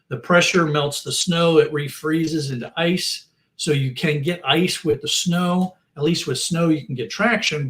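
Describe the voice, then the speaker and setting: A man's voice: a little high, fairly bright tone. A middle-aged man hosting a casual livestream chat, rambling and friendly, with many fillers and restarts. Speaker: host.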